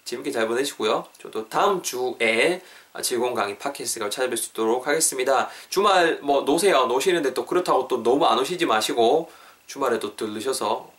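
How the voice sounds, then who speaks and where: A man hosting a podcast English lesson. He repeats English phrases slowly and explains them quickly. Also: medium pitch, animated, a bit bright. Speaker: English teacher, podcast host.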